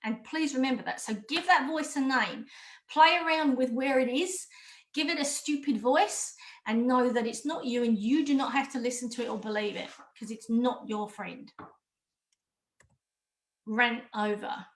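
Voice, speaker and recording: A woman's voice: a little high, moderate pace, reverberant. A woman who coaches mindful eating in an online course, talking directly and emphatically and often repeating herself.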